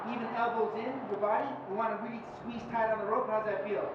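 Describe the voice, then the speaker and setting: A man's voice: high voice, flat delivery, fast, roomy sound. A man giving an instructional rope-gear demonstration in short, clipped, commanding cues as an instructor. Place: open steel training tower, outdoors. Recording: distant muffled mic, clear outdoor noise.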